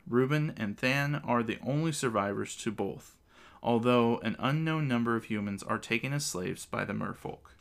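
Gravelly-voiced man narrating a story. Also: mid-range voice, normal speed. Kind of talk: audiobook fantasy narration.

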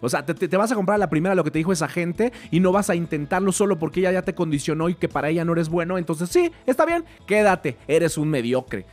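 A man's voice: a little high, animated, quick pace, hardly any pauses, natural voice. A man with a Mexican accent voicing a sarcastic female business partner who needles with reverse psychology. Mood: mocking. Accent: Mexican Spanish. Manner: mocking, sarcastic.

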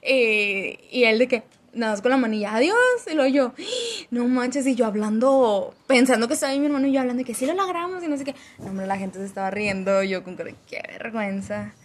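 A woman's voice: a little high, a little fast. Young Mexican woman telling a story. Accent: Mexican Spanish. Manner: animated, acts out quoted dialogue, laughs often. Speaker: podcast co-host telling a story. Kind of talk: casual chat, storytelling.

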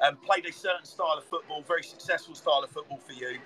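A man's voice: on the high side, fast talker, bright, forceful tone. A man commentating and interviewing live from a football commentary box, wordy and informal. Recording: noisy live stadium broadcast, clear background noise. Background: stadium ambience.

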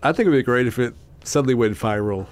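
A man in a casual podcast chat, mid-pitched and easygoing. He laughs often and drops into quoted movie lines with mock voices. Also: fast talker. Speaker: podcast co-host.

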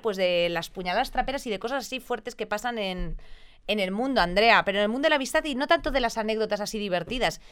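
Chatty Spanish woman, smooth voice. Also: mid-range voice. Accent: Spanish from Spain. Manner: chatty, swears casually, calls her co-host "tía". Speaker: vodcast co-host. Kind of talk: casual chat.

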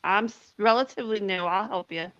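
A woman's voice: medium pitch, a little fast, fairly bright tone, muffled recording. A woman chatting cheerfully as a podcast guest, teasing her co-host. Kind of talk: casual chat.

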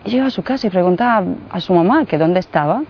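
A woman in her forties from Bosnia and Herzegovina, not a native speaker, telling her story in an interview with many fillers and pauses. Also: medium pitch, expressive, breathy edge. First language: Croatian. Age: 40s. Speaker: guest, translator and guide. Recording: muffled with faint noise.

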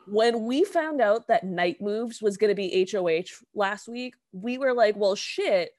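A young adult woman co-hosting a podcast in casual, animated chat, swearing and laughing easily. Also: medium pitch, a little slow, no room sound, clean studio sound. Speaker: podcast co-host.

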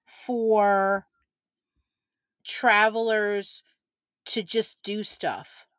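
Slow-speaking woman, dry close mic. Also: mid-range voice, level tone, fairly bright tone, dry recording. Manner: slow, deliberate, measured phrasing. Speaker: podcast co-host. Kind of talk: casual chat.

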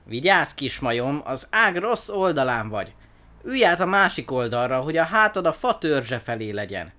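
A man voicing a gentle storybook giraffe who pleads and shouts warnings in a raised, high voice. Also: big pitch swings. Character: gentle giraffe growing urgent and alarmed.

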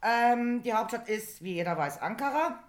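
A woman's voice: fairly high pitch, animated, normal speed. A woman chatting casually, reading out facts and laughing often. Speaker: co-host. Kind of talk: casual chat. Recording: roomy echo.

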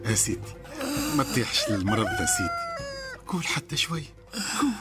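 A man's voice: on the high side, huge pitch swings, brisk, over loud music. A devoted son coaxing his father. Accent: southern Tunisian Arabic. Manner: gentle, coaxing, soothing. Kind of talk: radio drama acting.

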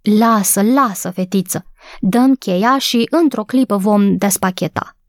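A woman voicing a kind, tender-hearted young housemaid who speaks in a soothing, gentle way in a storybook reading. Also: mid-range voice, no room sound, clean studio sound, close to an everyday voice.

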